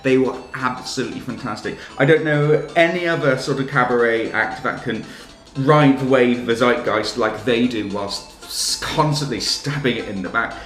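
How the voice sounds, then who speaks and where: A man's voice: medium pitch, normal speed, a bit bright, reverberant, faint music behind. A man giving enthusiastic, self-deprecating spoken reviews of shows in a chatty video. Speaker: theatre reviewer. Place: room with music playing.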